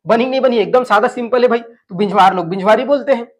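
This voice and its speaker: A man's voice: extremely high pitch, quick pace. A man teaching an exam class, asking questions and answering them himself, with local phrases mixed in. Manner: slips into Chhattisgarhi phrases. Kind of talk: lecture drilling exam facts.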